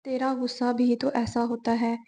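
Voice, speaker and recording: Woman reader as blunt, quick-tempered friend; flat, gravelly. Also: on the high side, lightly acted. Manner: joking, blunt. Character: young man friend, hot-tempered.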